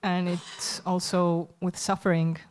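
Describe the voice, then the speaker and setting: A woman's voice: lowish voice, little pitch movement, a little slow, a little mellow. A woman giving a live spoken translation of a sermon in church, hesitant and searching for words as she goes. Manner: hesitant, searching for words with fillers and self-corrections. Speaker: interpreter.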